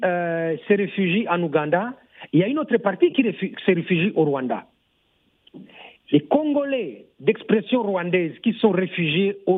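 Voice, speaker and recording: A man who is a guest in a radio debate, speaking insistently and talking over the others. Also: sits high. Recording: dry tinny phone line.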